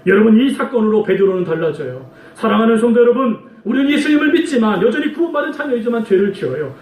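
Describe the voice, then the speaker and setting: A man's voice: extremely high pitch, sing-song, quick pace, a little mellow, echoey room, far from the mic, poor audio. A male pastor preaching a sermon, emphatic and full of rhetorical questions to the congregation. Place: church sanctuary.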